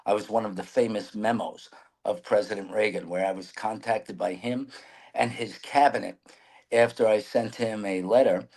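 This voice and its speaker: A man in his fifties with a fairly low voice. He speaks earnestly, rambling and restarting his sentences as he answers questions. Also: steady tone, moderate pace, darkish tone, rough recording. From New York City. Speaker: mayoral candidate guest. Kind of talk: interview answers.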